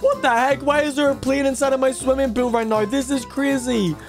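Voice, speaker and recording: A man hosting a gaming video, talking in a frantic, excitable roleplay style that repeats words. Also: very high-pitched, fairly quick, soft background music.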